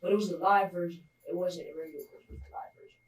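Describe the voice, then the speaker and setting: A woman's voice: on the low side, steady tone, rapid-fire, a little hiss or hum. A young woman co-hosting a podcast, talking in a loose, casual way full of "like" fillers. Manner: loose, filler-heavy, "like" everywhere. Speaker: podcast co-host. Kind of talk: casual chat. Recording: roomy echo, distant mic.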